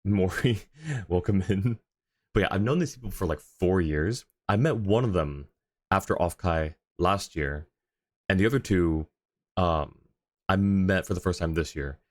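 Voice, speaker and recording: Speaking low and without hurry, this livestream host keeps things casual and chatty. He alternates between welcoming viewers and thanking them, all in a warm, friendly tone.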